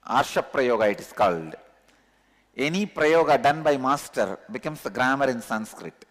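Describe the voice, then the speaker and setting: With lively intonation at a normal pace, a mid-range Tamil-accented voice teaches a spiritual discourse, earnestly repeating key words to drive them home. The recording carries a large satsang hall's long reverb.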